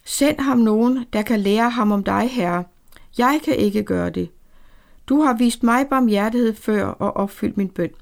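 A woman voicing an anxious old grandfather who speaks softly and prays in a hushed, pleading way. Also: fairly high pitch, gravelly. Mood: pleading prayer. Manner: soft, hushed pleading prayer.

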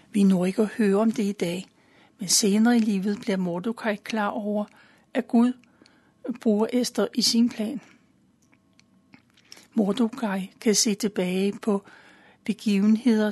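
A woman calmly retelling a Bible story in simple, plain words, with a few fillers. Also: medium pitch, breathy edge.

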